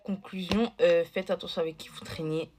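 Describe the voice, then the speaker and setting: A woman's voice: lowish voice, steady tone, a little fast, warm tone, a little hiss or hum. A woman telling a casual story to camera, chatty and digressive, full of fillers and asides.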